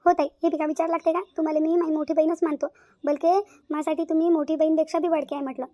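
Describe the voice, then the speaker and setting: A woman's voice: sits high, level tone, rapid-fire, warm tone, no echo, studio quality, close to an everyday voice. A woman voicing a devoted younger sister-in-law in a cartoon, earnest and insistent. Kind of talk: cartoon voice acting.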